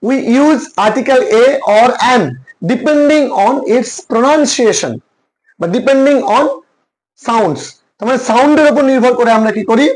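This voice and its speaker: A man's voice: extremely high pitch, low-quality recording. A man with a Bengali accent, an English tutor giving a classroom-style lecture, repeating each rule and quizzing his students with questions.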